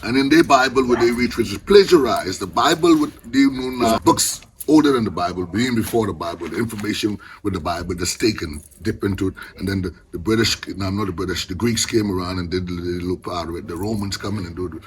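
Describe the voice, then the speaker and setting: A man's voice: fairly low pitch, fairly quick, hardly any pauses, low-quality recording. Older caribbean guy doing passionate rasta talk, patois and i-and-i phrasing, some background noise. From the Bahamas. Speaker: Rastafarian elder. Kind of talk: impassioned informal reasoning.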